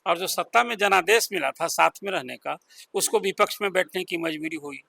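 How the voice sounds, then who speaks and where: A man giving political analysis as a senior journalist on a panel, explaining slowly with pauses. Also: high-pitched, vocal fry, sharp tone, dry recording. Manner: deliberate, explanatory, with pauses and fillers.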